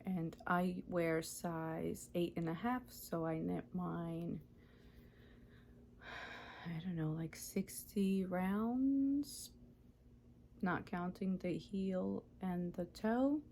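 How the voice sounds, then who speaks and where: Slow, gravelly-voiced woman from Ukraine. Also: fairly low pitch, a little mellow, a little hiss or hum. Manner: chatty, self-correcting, often unsure of details. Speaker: knitting podcast host. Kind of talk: casual show-and-tell vlog.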